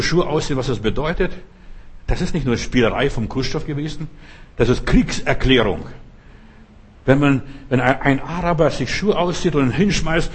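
Husky preacher delivering a fervent, exhorting sermon in a fairly high voice. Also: male voice. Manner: fervent, exhorting, repetitive appeals.

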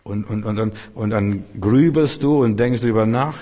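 A man's voice: lowish voice, normal speed, mellow. A man preaching a sermon in German, telling his own story in a rambling way and often repeating words. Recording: reverberant hall.

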